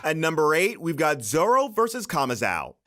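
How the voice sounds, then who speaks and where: A man's voice: on the high side, big pitch swings, normal speed, very noisy. A man reading scripted countdown narration for a video list.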